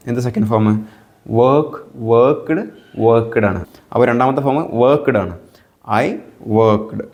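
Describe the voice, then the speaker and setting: A man with a Malayali accent teaching English tenses, explaining each rule and then repeating example sentences slowly and patiently. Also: medium pitch, a little mellow. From Kerala.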